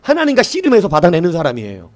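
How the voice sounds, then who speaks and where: Animated, higher-voiced male pastor preaching. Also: rapid-fire. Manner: asks the congregation questions and answers them; acts out quoted voices in a raised voice. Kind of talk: sermon.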